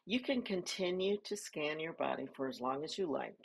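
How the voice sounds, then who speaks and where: A woman leading a guided body scan meditation, giving soft, calm instructions with pauses between phrases. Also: low voice, gravelly, slightly rough, low-quality recording.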